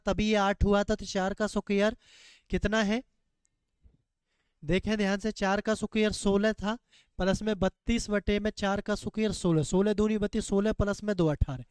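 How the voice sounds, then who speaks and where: A man's voice: high voice, smooth, dry recording. A man teaching a maths lesson, asking students questions and answering them himself, going over each step again and again. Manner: repeats questions back to students, drills steps.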